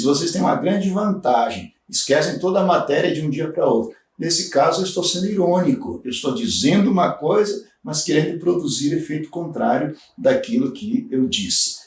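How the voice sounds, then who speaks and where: A man teaching a grammar lesson, explaining slowly and deliberately with pauses and frequent tag questions. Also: fairly high pitch, distant mic. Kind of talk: recorded grammar lecture. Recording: echoey room, voice off-mic.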